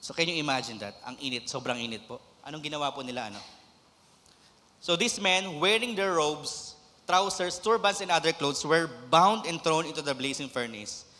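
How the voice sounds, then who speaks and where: A young lay preacher gives a sermon in a church sanctuary, switching between Tagalog and English and prompting the congregation for amens. His voice is on the high side, a little fast, pushed and bright, with long hall reverb.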